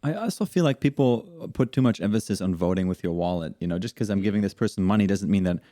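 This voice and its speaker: A young man co-hosts a podcast with a wry, low-key delivery that slides into jokes. His voice sits a little low and sounds dry and close to the mic. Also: expressive, fast talker, dark tone, no echo. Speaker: podcast co-host. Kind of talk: casual podcast chat.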